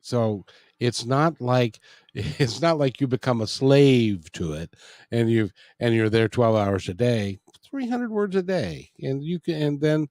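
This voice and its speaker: Earnest male host, mid-pitched voice, dry close sound. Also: animated, measured pace, a little mellow, no echo. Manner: earnest, repeats words when starting sentences. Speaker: interview host. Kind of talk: casual interview chat.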